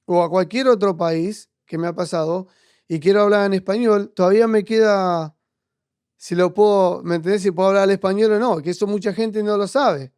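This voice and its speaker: A man with an Argentine accent, interviewing a guest in a reflective, halting way. His voice sits fairly high and sounds clear, recorded dry and close. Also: fairly even intonation, darkish tone, no echo. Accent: Argentine Spanish. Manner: reflective, hesitant, restarts often. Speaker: podcast host. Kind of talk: conversational interview.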